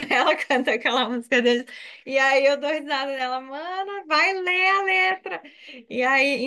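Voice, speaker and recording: A woman, an English teacher explaining as a guest on a video call, chatty and lively with playful imitations. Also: high voice.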